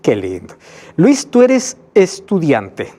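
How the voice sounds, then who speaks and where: Male pastor host from Peru, friendly, animated pitch. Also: slow pace. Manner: friendly, lively introductions of guests. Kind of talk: hosting a Bible study program.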